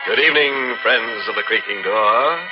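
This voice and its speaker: An actor playing a teasing, ghoulish horror host in old-time radio, macabre and sardonic. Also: male voice, mid-range voice, over music, natural voice. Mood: gleefully macabre. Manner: slow, macabre, sardonic, drawn-out. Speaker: host and narrator. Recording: muffled vintage radio recording.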